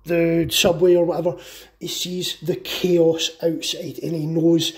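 A man casually pitching a film idea, excited and profane, with lots of fillers. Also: a little slow. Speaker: channel host.

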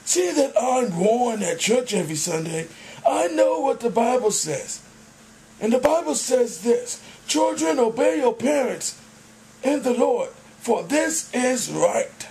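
Man voicing a bickering sock puppet, very high voice, hidden in the booth, roomy and distant. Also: sing-song, slow pace, creaky, darkish tone, exaggerated voice. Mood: snarky. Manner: snarky, bickering, mock-preachy. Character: cheeky male sock puppet sidekick. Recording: roomy, distant voice with faint noise.

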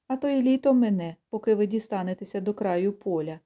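A woman voicing a flock of cheeky wild geese in a storybook reading, calling out and mocking loudly. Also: mid-range voice, expressive, fairly quick, natural voice. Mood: teasing.

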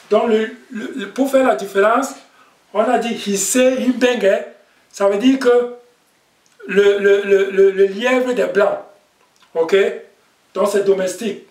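A man teaching a language class, patient, repeating each word and checking in with "ok?". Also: high voice. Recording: echoey room, distant mic.

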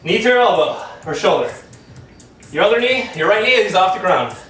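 A man coaching a home kickboxing workout, energetic and encouraging, calling out moves while out of breath. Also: high voice, moderate pace. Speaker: fitness instructor. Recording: echoey room from far off, music behind.

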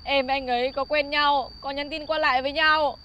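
A woman's voice: high-pitched, little pitch movement, fairly quick, highs cut off, noisy background, close to an everyday voice. An actress playing a jilted young female student in a comedy short, sulky and aggrieved. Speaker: university student. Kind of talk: comedic short-film acting.

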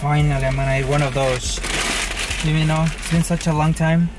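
Sitting in a car at drive-thru windows, a young adult prankster chats casually and places orders for a candid prank vlog, captured by the camera's mic inside the car. His voice is on the high side, steady and fairly quick, with loud music and car noise in the recording.

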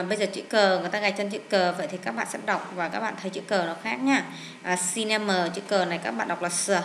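A woman teaching English to students, walking through an exam in a chatty way, with lots of drawn-out fillers and repeated words. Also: medium pitch. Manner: addresses students warmly as "các bạn". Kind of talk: exam walkthrough lesson. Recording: echoey room with faint hiss.

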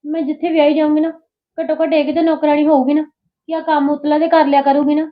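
A woman's voice: high-pitched, level tone, fast, lightly acted. A young woman, playing a spoiled, sulky younger sister-in-law who complains a lot. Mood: complaining. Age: early 20s. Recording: dull lo-fi sound.

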